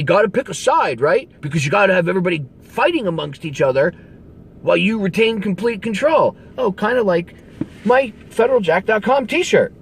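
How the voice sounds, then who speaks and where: This is a high-pitched male voice, slightly marred by hiss or hum. Speaking as a radio show host, he launches into a casual, emphatic political rant to camera, swearing now and then.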